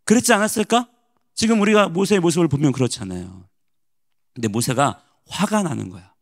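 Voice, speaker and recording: Male pastor, lively sermon delivery, fairly high voice, keeps firing questions at the listeners. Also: brisk. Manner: animated preaching that asks the listeners questions.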